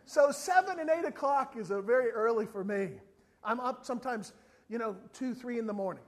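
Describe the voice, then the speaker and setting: During his sermon, a man with a very high-pitched voice speaks fairly quickly, spinning a humorous story. The evangelist, not from South Africa, briefly mimics the people in the tale with lively storytelling.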